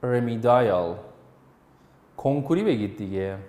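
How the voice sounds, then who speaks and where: A male teacher works through a lesson, coaxing and quizzing students by name as he goes. His voice sits at an ordinary middle pitch. The sound carries a roomy echo. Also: expressive, darkish tone. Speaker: English teacher. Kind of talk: classroom English lesson in Persian.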